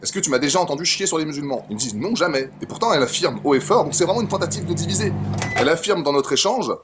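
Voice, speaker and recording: A man's voice: fairly high pitch, animated, quick pace, noisy background. A man in a casual online debate, talking argumentatively and restating his points with emphasis and repeated words.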